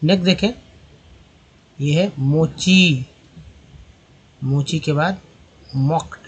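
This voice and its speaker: A man teaches English pronunciation, repeating each word slowly so learners can follow. His voice sits a little high for a man. He talks in a patient lesson style. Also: slightly rough. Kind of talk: language lesson explaining pronunciation.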